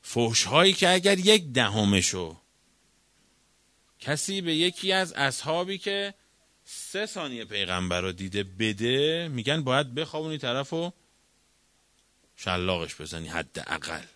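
A man lecturing on religion with a bright, forceful tone and a combative, questioning delivery. He swings from loud emphasis to hushed asides. The recording is dry and close. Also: mid-range voice, big pitch swings, no echo. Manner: argumentative, rhetorical questions, swings between loud and quiet. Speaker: cleric lecturer.

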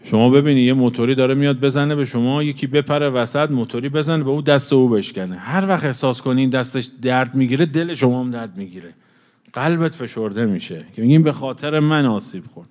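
Man preaching an emotional mourning sermon. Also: medium pitch. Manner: emotional, swells louder then drops to a hush; draws out recited lines slowly. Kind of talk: mourning sermon with chanted verses.

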